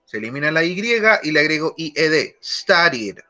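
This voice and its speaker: A male teacher explaining grammar rules slowly in a lesson, often repeating key words. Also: fairly high pitch, big pitch swings, sharp tone, soft background music. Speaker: English teacher.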